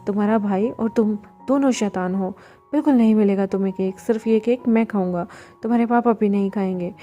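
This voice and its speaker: A woman's voice: mid-range voice, brisk, mellow, dull audio, faint music behind, close to an everyday voice. Woman reading as a hot-tempered scolding young husband. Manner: scolding, exasperated. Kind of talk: storybook fan-fiction reading.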